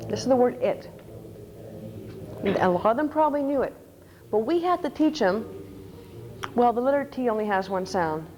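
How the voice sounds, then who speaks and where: A woman's voice: mid-range voice, darkish tone, slight background noise, low-quality recording. A woman presenting a conference workshop on teaching reading, explaining step by step and spelling out letters. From Canada. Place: conference session room. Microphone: microphone.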